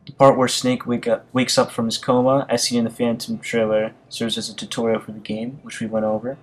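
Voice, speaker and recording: A man's voice: medium pitch, little pitch movement, brisk, slight background noise, low-quality recording. A man casually narrating gaming news and reading articles aloud, hesitating often with fillers and restarts. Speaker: gaming video commentator.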